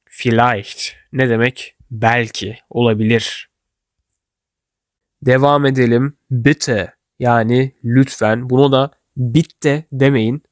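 A man with a middle-pitched, steady voice teaches learners everyday German phrases, giving each model phrase slowly and with care. He is a German language teacher whose first language is Turkish, recorded close and dry without room echo.

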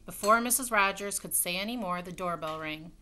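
A middle-aged woman reads a children's storybook aloud in a room at home by a window, tossing casual asides to her listeners. Her voice is medium-pitched, fairly quick and sharp. A webcam at desk distance picks her up, with faint noise and clicks.

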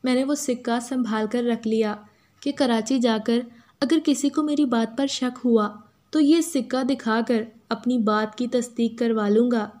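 A woman with an Urdu accent reading a first-person story as a steady, even narrator. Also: a little high, measured pace.

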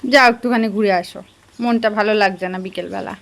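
A woman's voice: mid-range voice, quick pace, vocal fry, fairly bright tone, slight background noise. A woman vlogging at home, talking to her baby in a playful, coaxing way full of questions. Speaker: vlogger and mother.

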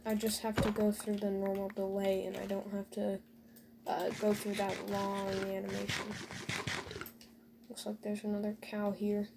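A woman's voice: mid-range voice, gravelly, very noisy. A woman casually commentating her own gameplay, talking to viewers with joking asides and dry sarcasm.

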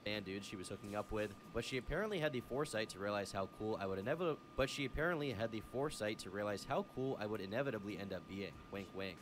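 A man reading a blog post aloud in a rapid, smug tone. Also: fairly low pitch, expressive, noisy background.

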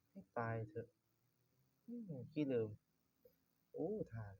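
A man's voice: mid-range voice, no echo, highs cut off. A young man giving casual, swear-laced commentary while playing a survival game, talking to himself as he goes. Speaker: gaming YouTuber. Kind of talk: casual Minecraft let's-play commentary.

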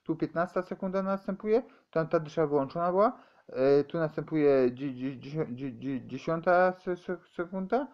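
A man giving a rambling, halting explanation, stumbling over words and restarting often. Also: on the high side, dull audio.

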